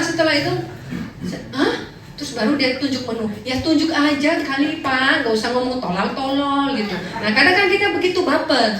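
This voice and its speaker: A woman pastor delivering a lively, humorous sermon, acting out the people in her stories. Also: sits high. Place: large church hall. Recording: echoey, distant church recording with faint noise.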